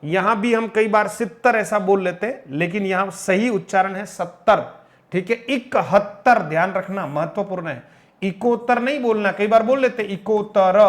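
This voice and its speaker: A man teaching Hindi number words, repeating each one and correcting common mispronunciations. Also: high voice. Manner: repeats and corrects each word, addressing viewers as friends; slow, emphatic drilling of pronunciation. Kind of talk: spoken grammar lesson.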